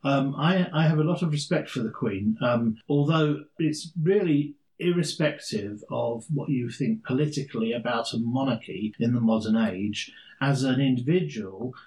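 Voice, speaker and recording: A man's voice: medium pitch, moderate pace, hardly any pauses, a little mellow, low-quality recording. A middle-aged man from London with an English accent, a stand-in guest telling long stories in a dry, self-deprecating way on a casual podcast. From London, England.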